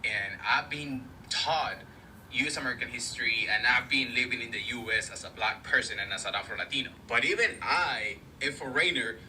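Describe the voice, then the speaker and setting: A man from Colombia giving an earnest, quick monologue. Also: medium pitch, pushed and bright. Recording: distant mic with faint noise.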